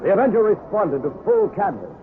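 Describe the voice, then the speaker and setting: With music playing underneath, a man whose voice sits high narrates a nautical adventure at a fairly quick clip, very animated and full of florid old-time radio flair. It's suspenseful and dramatic, heard as a tinny, noisy vintage broadcast.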